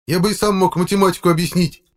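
A man voicing a scrappy, angry teenage schoolboy in an audiobook, loud and sulky. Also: medium pitch, fast, pitched above the performer's own voice, close to an everyday voice.

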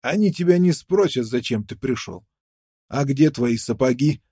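A man's voice: mid-range voice, lively intonation, moderate pace, warm tone, husky, dry recording, clean studio sound. A man voicing a menacing, contemptuous young frontiersman with a knife, snarling threats in an audiobook. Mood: threatening.

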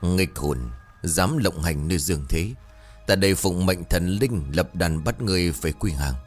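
A man's voice: sits low, moderate pace, faint music behind. A man voicing a stern male exorcist who gives commands in a declamatory way. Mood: commanding.

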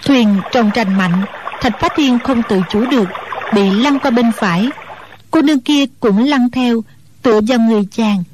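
A woman narrating a martial-arts novel in a steady storytelling voice. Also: fairly high pitch, moderate pace, loud music behind the voice.

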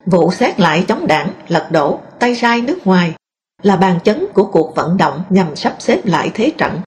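Woman, memoir reading, calm steady delivery, mid pitch, faint background hiss. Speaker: narrator.

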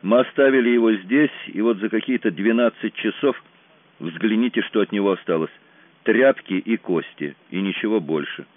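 A jittery, grim kidnapper speaks in a low, weary, resigned voice, as an audiobook narrator reads him. The sound is tinny and phone-like. The room is dry and close. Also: male voice, normal speed, no room sound, natural voice. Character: nervous male kidnapper, shaky and grim.

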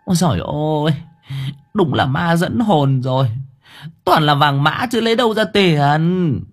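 A man's voice: a little high, big pitch swings, fairly quick, darkish tone, slightly rough, pitched above the performer's own voice, heavily acted. A man voicing an anxious older village mother who wails and exclaims. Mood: dismayed. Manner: wailing, exclaiming.

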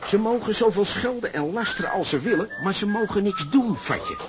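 Playing the same kind of zealous socialist sailor in a Dutch radio drama, a male actor presses his case with emphatic questions, persuasive and insistent. His voice sits high, animated and brisk, agitated and fervent, against a noisy background.

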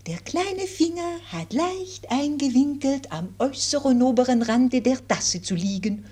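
An actress playing a gentle, fussy French royal governess in a radio play, plaintive and over-refined. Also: female voice, sits high, expressive, brisk, roomy sound.

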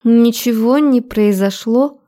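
A woman reading as a shrill, tearful young woman. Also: fairly even intonation, moderate pace, gravelly, a little mellow. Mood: hysterical. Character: hysterical young woman, lying, desperately clingy. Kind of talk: audiobook character voice.

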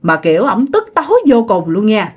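A woman's voice: mid-range voice, huge pitch swings, moderate pace, a little mellow, husky. A woman with a Southern Vietnamese accent telling a ghost story in a chatty, casual way, addressing her listeners directly.

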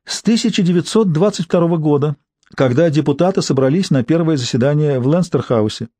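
A man's voice: a little high, a little fast, mellow, dry recording, voice pushed up, close to an everyday voice. A man reading an audiobook, voicing a reserved woman in her sixties who answers in a cool, dryly polite way. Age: 60s.

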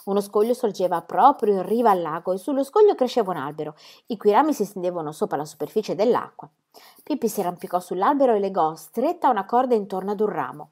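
Expressive woman reading a children's book. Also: mid-range voice, quick pace. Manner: expressive, storytelling. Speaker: reader.

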